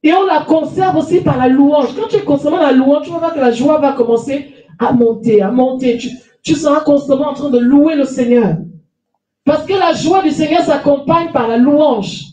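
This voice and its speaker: Preaching with a handheld mic from the lectern of a small church hall with a stage, a middle-aged French pastor with a cold repeats phrases and calls for amens. Her voice is high-pitched and warm at a normal speed. The hall is echoey and a far camera records from a distance.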